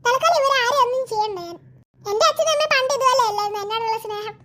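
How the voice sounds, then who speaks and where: A woman's voice: very high voice, racing, pushed and bright. A woman with a Malayali accent voicing a lonely cartoon ghost who broods in a wistful monologue. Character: lonely, softening ghost who scared a baby. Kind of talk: cartoon voice acting.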